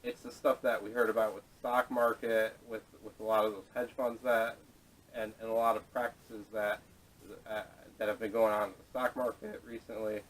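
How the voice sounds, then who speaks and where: Hosting a laid-back panel for a podcast, a man speaks at normal speed in a lowish voice with flat delivery, rambling and hesitating as he goes. The sound comes from a far-off camera microphone and is noisy.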